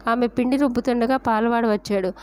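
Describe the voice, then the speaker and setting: A woman narrating a family drama story in a steady, even reading voice. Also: a little high, fast, a little hiss or hum.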